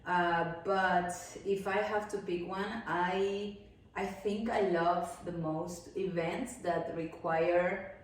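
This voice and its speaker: A woman's voice: lowish voice, steady tone, slow. A woman from Peru speaking English, a guest in a casual interview, upbeat and friendly. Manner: upbeat, friendly, slightly non-native phrasing. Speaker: guest, event planner. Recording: echoey room, mic at a distance.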